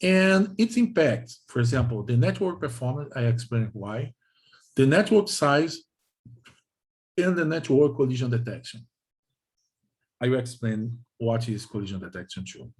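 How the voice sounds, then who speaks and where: A man with a Brazilian accent, Portuguese being his native tongue, lectures technically in faltering English, repeating points and often asking brief check-in questions. His medium-pitched voice is a little mellow, with lively intonation.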